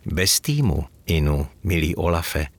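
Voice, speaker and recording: A man voicing a wise old male elf who calmly lectures a younger one. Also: low-pitched, heavily acted.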